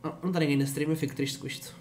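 A man's voice: on the high side, steady tone, racing, noisy background. A young man with a European Portuguese accent, streaming a game in casual chat, swearing a lot, teasing and loose.

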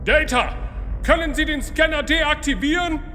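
A man voicing a commanding, alarmed starship captain who shouts his orders. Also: normal speed, in a large hall, faint music behind. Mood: urgent shouting. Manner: shouting high-pitched orders.

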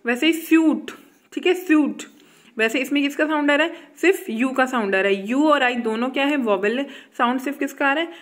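A woman's voice: high voice, a bit bright. Indian woman teaching a grammar lesson. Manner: slow when reading English text aloud; repeats "ठीक है" and asks quiz questions.

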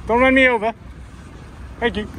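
A man's voice: very high voice, steady tone, normal speed, bright, forceful tone, slight background noise. A man vlogging outdoors with a handheld camera, chatting casually in a teasing, playful way and laughing often. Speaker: auditing vlogger filming with camera. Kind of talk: casual chat while filming outdoors. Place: outdoors on a city street.

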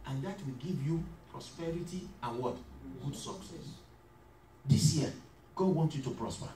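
A man pastor preaching a sermon, calling out to the congregation and building to shouts. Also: fairly high pitch, animated, normal speed. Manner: call-and-response preaching, rising to shouts. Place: church hall. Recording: echoey hall, mic far off.

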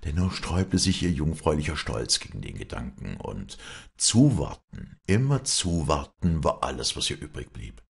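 Deep, gravelly, husky male narrator. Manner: expressive, measured storytelling. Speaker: audiobook reader. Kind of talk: audiobook narration.

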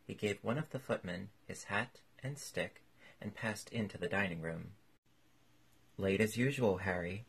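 A man narrating a classic novel as an audiobook in a measured, even reading. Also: lowish voice, gravelly, slightly rough, low-quality recording.

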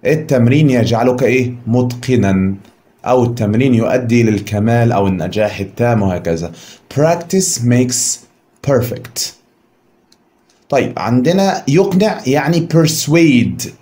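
A man with an Egyptian Arabic accent teaches an English vocabulary lesson. He says each word, gives its meaning, then repeats it slowly for students to copy. His voice is mellow and dark. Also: mid-range voice. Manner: drills words by repeating them slowly.

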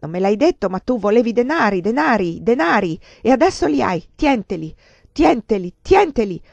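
A woman voicing a desperate, furious man, a ruined lover turned thief, shouting bitter accusations. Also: fairly high pitch, very animated, normal speed, gravelly, no echo, exaggerated voice. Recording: dull lo-fi dry recording.

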